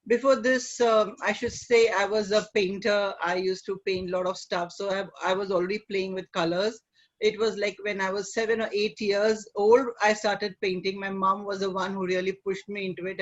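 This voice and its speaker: A middle-aged woman with an Indian accent speaks conversationally as an interview guest, in a halting way peppered with "you know". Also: mid-range voice. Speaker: guest, image consultant. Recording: dull lo-fi online call audio.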